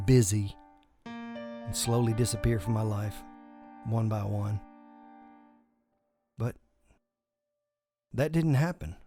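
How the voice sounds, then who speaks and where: A man reading a scripted first-person horror story in an intense, confessional way, swearing often. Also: medium pitch.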